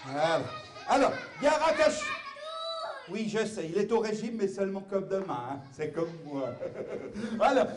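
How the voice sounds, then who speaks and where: In a high, very animated voice at normal speed, a clown entertainer performs live for children in a hall. He hams it up with cries and banter with the crowd, and the recording echoes amid clapping and children's chatter.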